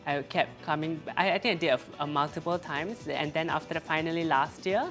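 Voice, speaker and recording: Laughing as he goes, a young guest from Singapore who creates social media content keeps up a casual chat riddled with fillers and false starts. His fairly high, somewhat bright voice moves a little fast over soft background music.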